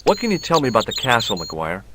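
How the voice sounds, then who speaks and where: A man's voice: medium pitch, wildly swooping pitch, quick pace, background noise. A man voicing a wry male adventurer in a video game who questions people in a dry, sarcastic way. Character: wry adult male tourist sleuth, questioning a boy.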